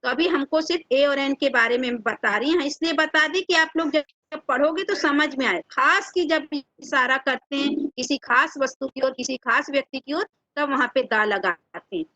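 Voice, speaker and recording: Woman teacher, Hindi accent, high pitch, dry close recording, patient question-and-answer delivery. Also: normal speed, few pauses, bright, forceful tone, no echo. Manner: asks rhetorical questions to the children and answers them herself. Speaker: English teacher. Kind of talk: classroom lesson explaining grammar.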